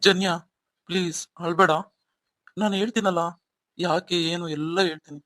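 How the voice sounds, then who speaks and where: A man's voice: high voice, fairly even intonation, moderate pace, fairly bright tone, no room sound. A man voicing a remorseful young husband in a cartoon story, coaxing and pleading with his wife.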